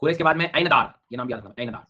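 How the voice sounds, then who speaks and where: A man's voice: medium pitch, very fast, bright, forceful tone, slightly rough. A middle-aged male teacher giving an online exam-prep lecture, teasing his students with jokes while drilling names over and over. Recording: dull lo-fi online class audio.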